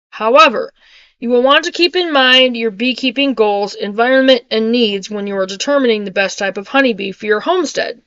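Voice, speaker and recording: Recorded on a webcam in her small home kitchen under a wood-panel ceiling, a middle-aged woman who vlogs about homesteading reads out an article, chatting in asides and stumbling over tough words before repeating them. Her fairly high, slightly bright voice sounds clean, with no room sound, though the audio is dull.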